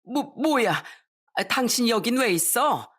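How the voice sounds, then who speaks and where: A woman voicing a domineering older mother-in-law who yells scornfully at her daughter-in-law in a radio story reading. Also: fairly high pitch, lively intonation, unhurried, husky, pitched above the performer's own voice, full character voice. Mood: shocked. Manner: shouting, scornful.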